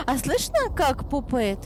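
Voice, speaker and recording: Young girl streamer, cute anime vibe, kinda high voice, exclaims a lot, playful, bit of background noise. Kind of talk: casual gaming stream chat.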